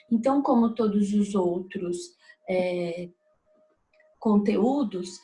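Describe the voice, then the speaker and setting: A woman teaching a video lesson, explaining step by step and checking in with frequent tag questions. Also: a little high.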